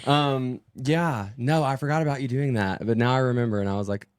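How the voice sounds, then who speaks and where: A man's voice: medium pitch, fairly quick, clean tone, dry recording, clean studio sound. A man with a Southern US accent, chatting in an easygoing way and laughing often as a podcast guest. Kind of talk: casual chat.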